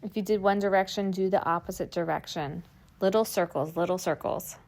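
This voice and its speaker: A woman's voice: lowish voice, fairly even intonation, fairly quick, gravelly, a little mellow. Woman, young adult, fitness instructor, encouraging, strained from exercising, workout cues. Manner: encouraging, cueing moves while exercising. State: strained, working out while talking.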